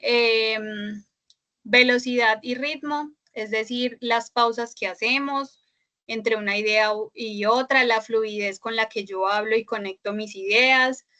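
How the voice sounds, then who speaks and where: Bright-voiced woman teaching an online class. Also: on the high side, fairly even intonation, slow pace, lo-fi sound. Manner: explanatory, many "eh" fillers and tag "¿cierto?". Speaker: instructor.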